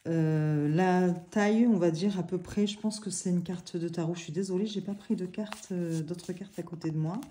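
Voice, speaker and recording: In her living room, a woman with a mellow, low-pitched voice casually reviews an oracle book and cards. She's chatty, filling pauses and apologizing now and then, and seems to be talking to a camera on a tripod.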